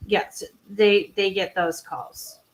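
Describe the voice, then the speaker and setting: A woman's voice: medium pitch, fairly even intonation, slow pace, rough recording. Woman rambling on a live podcast, giggly, kinda self-deprecating, super casual. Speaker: podcast co-host. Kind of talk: casual live-stream chat.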